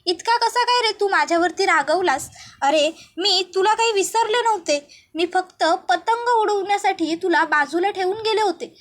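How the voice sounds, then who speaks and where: A woman's voice: very high voice, normal speed. A woman voicing an emotional young wife, tearful and pleading. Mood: anxious, searching.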